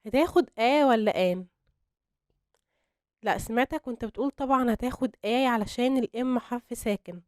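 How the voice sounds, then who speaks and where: A young woman with an Egyptian Arabic accent teaching English grammar to beginners, explaining step by step and slowing down on her examples. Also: fairly high pitch, darkish tone, no echo, studio quality. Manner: patient, step-by-step explanation with slow spelled-out examples.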